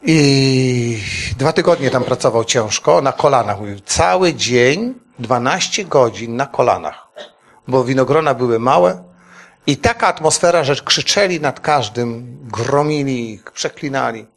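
A middle-aged man preaching, telling an emotional testimony story to a congregation in an animated way. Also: mid-range voice, unhurried, gravelly. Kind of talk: testimony sermon.

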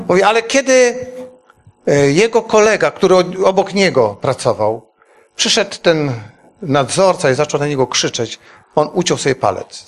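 Animated middle-aged man preaching a testimony. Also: on the high side. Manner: emotional, animated storytelling. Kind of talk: testimony sermon.

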